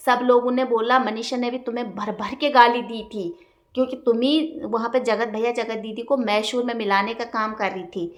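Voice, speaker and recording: A woman hosting a reaction vlog, speaking in heated, indignant commentary and scolding in rapid outbursts. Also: fairly high pitch. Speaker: reaction video host.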